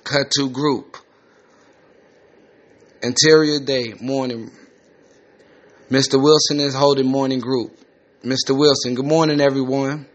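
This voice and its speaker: A man's voice: mid-range voice, fairly even intonation, slow, long pauses, lo-fi sound. A man reading a screenplay aloud, including its stage directions. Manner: plain, reads stage directions.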